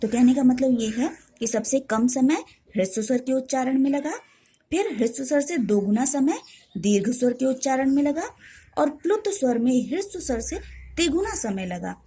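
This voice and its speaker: A woman Hindi teacher giving an online grammar class, explaining slowly and clearly with lots of repetition. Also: high-pitched, animated, warm tone.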